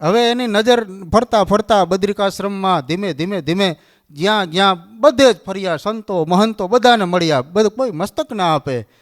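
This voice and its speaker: A man's voice: high voice, moderate pace. A man with a Kathiawadi Gujarati accent giving a storytelling sermon, acting out the dialogue of the figures in the tale. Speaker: religious speaker.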